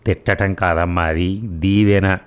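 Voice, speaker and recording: A man's voice: sits low, fairly even intonation, a little slow, smooth. A man reading a storybook voicing a young new mother, a teasing and affectionate daughter who talks playfully to her mother. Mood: tender. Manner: playful, teasing, then tender.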